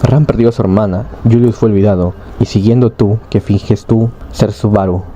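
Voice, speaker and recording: A man reading out a suspicious, sharp-tongued young woman. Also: on the low side, steady tone, normal speed, a little hiss or hum, natural voice.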